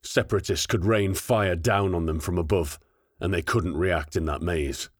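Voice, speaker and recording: Deep, husky male audiobook narrator. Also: normal speed, dry recording, clean studio sound. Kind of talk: scripted narration.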